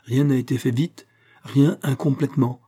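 A man voicing a charming young gentleman who speaks with polished, suggestive courtesy. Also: medium pitch, steady tone, normal speed, husky, pitched above the performer's own voice, natural voice. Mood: insinuating.

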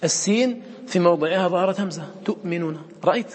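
A man's voice: sits high, fast, slightly rough, in a large hall. A man teaching a class on recitation, repeating words aloud and quizzing his students with questions.

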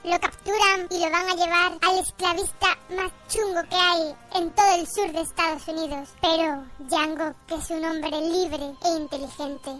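A woman's voice: very high-pitched, fairly even intonation, normal speed, few pauses, sharp tone, soft background music, rough recording. A woman doing a tiny, chirpy cartoon nut narrator. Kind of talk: comic narration.

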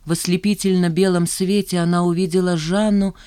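A woman narrating a novel as an audiobook reader, measured and expressive. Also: lowish voice, smooth, no echo.

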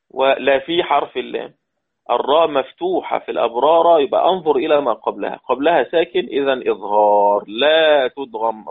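A man's voice: mid-range voice, husky. Man teaching Quran recitation over tinny audio. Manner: explains rules quickly, then recites verses slowly and repeats them. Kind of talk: tajweed lesson with recited examples.

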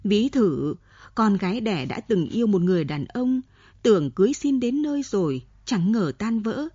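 Woman reader doing a cool-headed, argumentative grown daughter; husky, mellow voice, dry dull recording. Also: medium pitch, normal speed, dry recording. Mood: arguing calmly. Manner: calm, reasoning, persistent.

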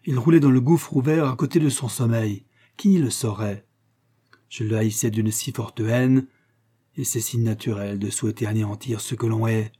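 A haunted aristocratic countess confesses a buried temptation, as a man reads her part aloud. The reading is grave and intense, in a dark, mellow tone. A husky grain runs under every line. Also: lowish voice, moderate pace, close to an everyday voice.

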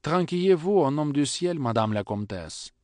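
A man's voice: a little high, expressive, moderate pace, a little mellow, dry recording, voice pushed up, lightly acted. A man voicing a reproachful French tutor who speaks in a tragic tone.

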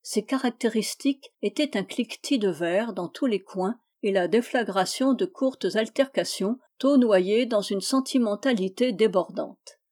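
A woman narrating a novel as an audiobook, with expressive, measured storytelling. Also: mid-range voice. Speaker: audiobook reader.

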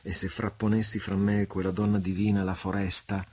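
A man's voice: deep voice, level tone, a little fast, darkish tone. A man voicing a passionate, tormented male pirate chief in an audiobook, with fervent, desperate outbursts. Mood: anguished.

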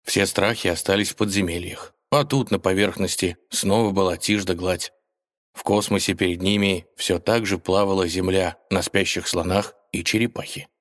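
A man narrating a children's fairy tale audiobook in a calm storytelling manner. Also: deep voice, normal speed, dry recording, clean studio sound. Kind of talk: scripted narration.

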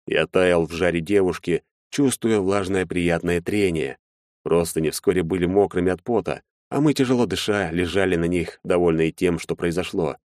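A man narrating a first-person audiobook in an expressive manner, changing his voice for each character. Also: sits low, moderate pace, no room sound, studio quality.

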